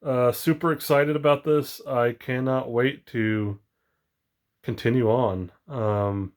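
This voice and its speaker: A man vlogging casually about his toy collection, rambling with many ums, excited but tired and yawning late at night. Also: mid-range voice, slow pace. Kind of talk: casual unboxing vlog.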